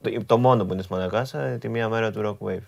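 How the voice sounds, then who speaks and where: A man's voice: on the low side, vocal fry. A man who is a guest on a radio show, chatting casually and eagerly, often repeating his words. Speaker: studio guest. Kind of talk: casual chat.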